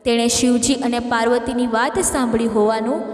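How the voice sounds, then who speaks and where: A woman narrating a devotional story in a steady, earnest way. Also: a little high, moderate pace, soft background music. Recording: echoey long hall reverb.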